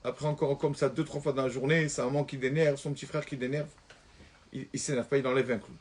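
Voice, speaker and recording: A man giving a sermon as a rabbi, mixing in Hebrew terms and repeating phrases for emphasis, moving between loud stresses and soft asides. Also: mid-range voice, steady tone, quick pace, a little hiss or hum. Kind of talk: sermon told as a story.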